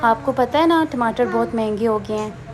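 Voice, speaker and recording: A young woman gives a chatty, conversational voice-over, her voice sitting a little high. The home recording carries clear background noise. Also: moderate pace. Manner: chatty, conversational, with fillers and asides. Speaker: vlogger. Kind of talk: casual voice-over narration. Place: hot room at home, fan switched off.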